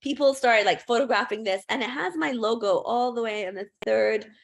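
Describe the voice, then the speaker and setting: A woman's voice: a little high, moderate pace, creaky. A woman in her thirties, a photographer giving a class in a chatty, self-deprecating way, with many fillers and restarts. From United States and United Kingdom. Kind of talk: casual presentation talk.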